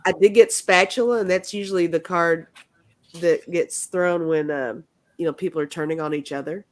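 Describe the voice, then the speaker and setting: A woman reading divination cards in a casual group chat, halting with restarts. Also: on the low side, steady tone. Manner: halting, restarts, laughs often. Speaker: card reader.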